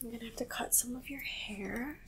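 The alien examiner's whisper comes a little high and a little fast, with noise in the background. The woman stays hushed and soothing in her ASMR roleplay, repeating brief words of comfort.

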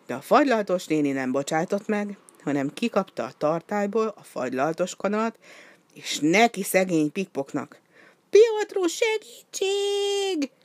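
A woman reading a children's story aloud in an expressive, lively way. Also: fairly low pitch, no echo.

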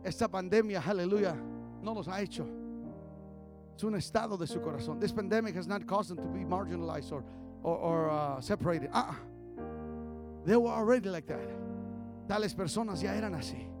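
A male pastor preaching fervently, swinging between loud shouts and low murmurs. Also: normal speed, long pauses, music in the background. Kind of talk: bilingual sermon.

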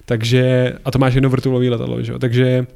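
Gravelly man telling a story. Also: mid-range voice. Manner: animated, acts out shouted quotes, many fillers and restarts. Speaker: guest. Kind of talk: casual storytelling.

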